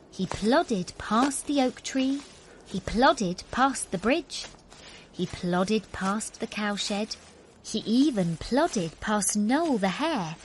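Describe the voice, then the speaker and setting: Reading from a script, a woman tells a children's story in a deliberate, expressive storyteller's style. Her voice is mid-range, and there's a little noise in the background.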